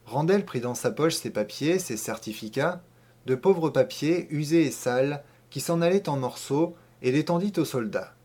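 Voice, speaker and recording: A man reading a classic short story aloud in a measured, even narrating voice. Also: a little high, breathy edge.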